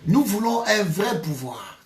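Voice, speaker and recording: A man's voice: high voice, sing-song, a little slow, roomy sound. A man from DR Congo, giving a heated political monologue as a commentator, emphatic and repeating his phrases with frequent restarts.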